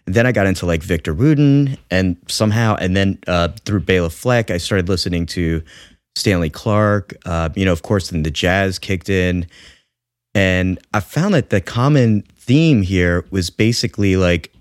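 A man in his fifties from New York, a bassist telling his story in a rambling, casual podcast chat full of fillers. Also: moderate pace, no echo, clean studio sound. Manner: rambling, many fillers and restarts. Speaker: bassist co-host.

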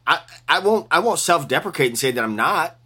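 Animated bright-voiced man in his forties. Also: on the high side, fairly quick, husky. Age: 40s. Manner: animated, emphatic, slips into a mock preacher voice. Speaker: bass player guest. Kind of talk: casual interview chat.

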